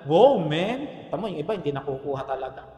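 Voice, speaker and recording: A middle-aged Filipino man preaching a sermon in a joking, animated way, with asides to the congregation. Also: on the high side, a little fast. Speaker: pastor. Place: church hall. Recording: echoey hall with long reverb.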